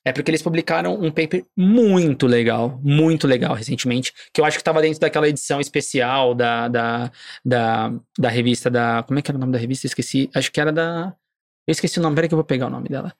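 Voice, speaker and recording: A podcast host who talks quickly and playfully, joking with the guest and co-host. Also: mid-range voice, no echo, clean studio sound. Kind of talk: casual podcast interview.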